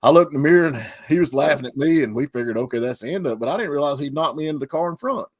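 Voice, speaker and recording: A man's voice: a little high, animated, rapid-fire, no room sound. Man, folksy drawl, casual storytelling, dry close sound.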